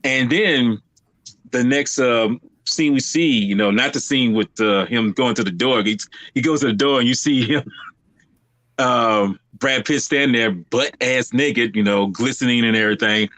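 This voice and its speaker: A man's voice: mid-range voice, a little slow, fairly bright tone, dry recording, poor audio. A man casually discussing a film on a livestream, rambling with many fillers and restarts. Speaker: podcast co-host.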